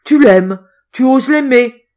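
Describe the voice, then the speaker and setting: A snarling, merciless innkeeper from a storybook, voiced by a woman reader. He barks orders in a raised, hard voice through clenched teeth. The delivery is commanding and loud. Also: fairly high pitch, very animated, moderate pace, voice pushed up. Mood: furious. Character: cruel scheming male innkeeper, furious.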